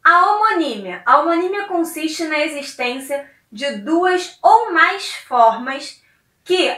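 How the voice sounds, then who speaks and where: A woman's voice: sits high, bright, forceful tone, roomy sound, recorded from a distance. A woman teacher with a Brazilian Portuguese accent giving a recorded lesson, chatty and often checking in with her students.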